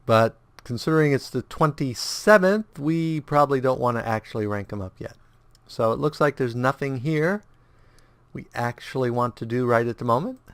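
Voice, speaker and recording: Here a let's play host speaks in a smooth, medium-pitched voice at a moderate pace, with no echo. His nose is stuffed and his throat a bit sore as he casually comments on his game, hums idly through menus, and thinks aloud in a loose, relaxed ramble.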